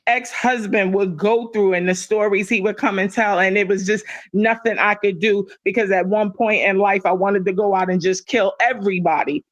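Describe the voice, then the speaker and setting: Middle-aged woman, livestream guest, speaks with heated conviction and repeats points for emphasis, mid-pitched. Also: fairly even intonation, moderate pace, hardly any pauses, no echo. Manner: impassioned, emphatic, repeats herself for stress. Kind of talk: casual chat.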